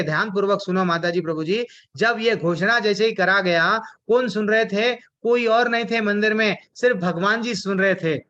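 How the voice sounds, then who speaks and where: A man teaching a devotional scripture class, telling stories in an animated way and answering his own questions. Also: high voice, muffled recording.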